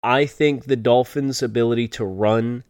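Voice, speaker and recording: A man's voice: medium pitch, fairly even intonation, normal speed, darkish tone, no room sound. A man hosting a sports podcast, talking through analysis and answers to listener questions in a conversational way. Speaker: podcast host.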